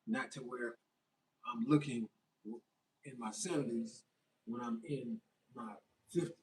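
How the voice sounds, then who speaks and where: A man's voice: medium pitch, darkish tone, distant mic, rough recording. A young adult man on a casual fitness livestream, reading viewer comments and answering them in a loose, chatty way.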